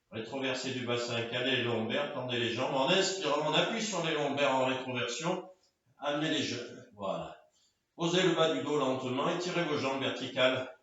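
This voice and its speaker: A man leading a guided floor-exercise session, giving calm, directive cues in short phrases. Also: medium pitch, fairly quick. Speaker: karate and fitness instructor. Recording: echoey room, distant mic, dull sound.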